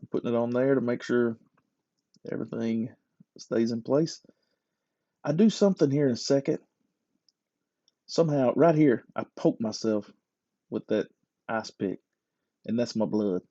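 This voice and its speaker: A man's voice: medium pitch, measured pace, pauses often, dark tone, dry recording. A man talking through a lure-carving tutorial in a casual, self-deprecating, joking way, recorded with slightly dull lo-fi audio. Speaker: hobby lure carver.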